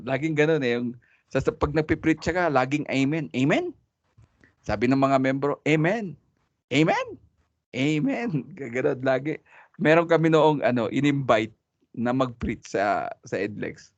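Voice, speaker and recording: A man's voice: medium pitch, moderate pace, no echo. A man teaching a preaching class in a casual, chatty way, mixing Tagalog and English and laughing often. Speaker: homiletics teacher. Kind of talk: casual Taglish lecture on preaching. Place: church classroom. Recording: dry, dull lo-fi recording.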